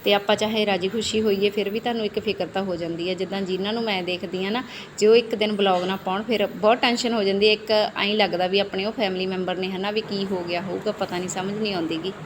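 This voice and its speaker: A woman's voice: mid-range voice, fairly even intonation, fast talker, background noise. A woman in her thirties, a family vlogger and mother, chatting through a casual voice-over and often tagging her sentences with little questions. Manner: chatty, often adds "hai na" tag questions.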